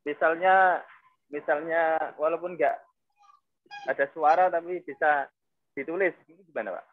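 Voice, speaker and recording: A man's voice: a little high, moderate pace, phone-quality sound. A man answering his teacher in class with short, hesitant replies. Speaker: student.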